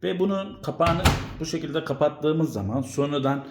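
A man giving a casual, halting step-by-step household demonstration in speech, his voice ringing with echo in a bare room at home. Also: fairly high pitch, a little hiss or hum. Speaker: home appliance vlogger. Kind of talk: casual explainer to camera. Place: indoors at home, room without carpets.

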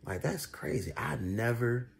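A young American man, a food reviewer, tells a story in a casual vlog while reclining on a couch indoors, using repetitive, emphatic slang in a conversational way. His mid-range voice is expressive and a little slow. It's a home recording on a phone held at arm's length, with clear background noise.

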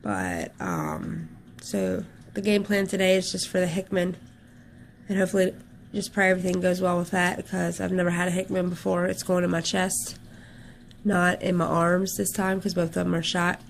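A woman's voice: fairly low pitch, normal speed, creaky, slight background noise. A woman giving a casual hospital video update, stuffed up and short of breath, talking in a tired, rambling way. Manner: rambling, tired, matter-of-fact. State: stuffed up, congested nose. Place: hospital room.

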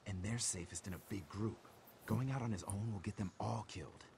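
A man's voice: fairly low pitch, a little fast, vocal fry, a little mellow. An actor voicing a hungry, worried adult male survivor in a story-driven video game.

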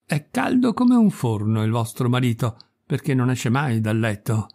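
A man's voice: mid-range voice, lively intonation, moderate pace, vocal fry, a little mellow. A man reading a story aloud, voicing a crafty, teasing farmer who talks in a wheedling, mock-serious way. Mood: sly. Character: sly teasing country farmer, crafty middle-aged man.

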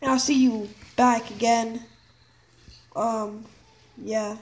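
A woman giving casual, rambling commentary over a gameplay video, excitable and full of quick exclamations. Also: fairly high pitch, a little hiss or hum.

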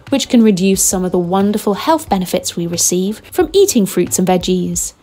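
A woman reading a scripted narration for a nutrition video in a clear, measured way. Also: medium pitch, mellow. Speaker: channel narrator.

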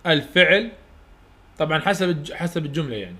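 A man with an Iraqi Arabic accent, a university English tutor giving a lecture, repeating each rule slowly so students can write it down and explaining in casual, colloquial terms. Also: fairly high pitch, sing-song, pushed and bright. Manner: repeats rules slowly for dictation.

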